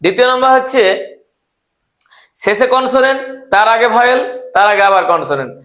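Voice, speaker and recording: Male tutor, bright high voice, patient letter-by-letter spelling, roomy echo. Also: animated, fairly quick. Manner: spells words letter by letter, asks questions of students. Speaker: English teacher. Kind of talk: grammar lesson.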